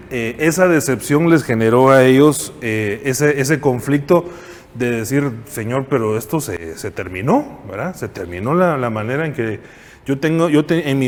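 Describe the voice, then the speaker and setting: A man with a Guatemalan Spanish accent preaching a sermon as a church elder, in a conversational way that keeps turning questions to the congregation. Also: medium pitch. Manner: conversational, asks the congregation questions, frequent restarts. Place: church sanctuary. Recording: long church reverb.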